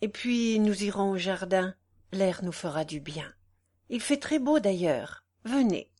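A woman's voice: mid-range voice, expressive, measured pace, a little mellow. A woman reading the part of an anxious young married noblewoman who speaks curtly, with tense hesitation.

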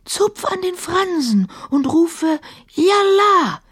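A woman's voice: very high-pitched, big pitch swings, takes it slowly, fairly bright tone, pitched above the performer's own voice, full character voice. A woman voicing a sentimental, apologetic male genie who whispers and murmurs secretively, in a radio drama reading. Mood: whispering.

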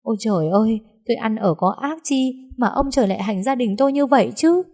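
A woman's voice: on the low side, normal speed, warm tone, close to an everyday voice. A woman voicing a grief-stricken older mother-in-law who wails and laments in an audiobook story. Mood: wailing despair. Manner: wailing, lamenting.

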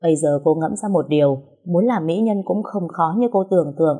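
A woman narrating a story in a steady, even way. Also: deep voice, fairly quick, breathy edge.

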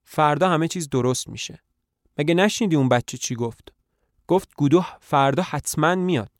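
A man's voice: a little high, no room sound, studio quality, lightly acted. A man voicing a weary aging male tramp, impatient yet hopeful, with a reassuring, slightly pleading manner in a podcast play reading.

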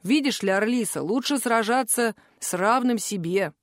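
A woman voicing a huge male troll who cooks on a pirate ship, with a rumbling, teasing voice. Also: moderate pace, no room sound, clean studio sound, lightly acted. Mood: gruff teasing. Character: huge male troll ship's cook, booming bass, gruff but caring.

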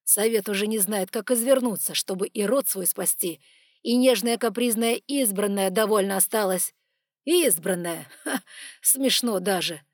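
A woman voicing a stern, furious male dragon bodyguard in an audiobook, speaking loud and clipped through gritted teeth. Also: mid-range voice, a little slow, slightly rough, no room sound, clean studio sound. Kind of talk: audiobook character voice.

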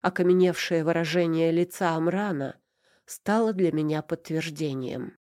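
A woman narrating a first-person romance novel in an emotive, measured reading. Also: low-pitched, fairly even intonation, a little mellow, no room sound, studio quality. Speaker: audiobook narrator.

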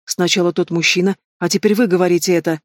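A man's voice: high voice, level tone, fast talker, dry recording, clean studio sound, natural voice. A man doing a stern, cold noble mother. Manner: curt, commanding.

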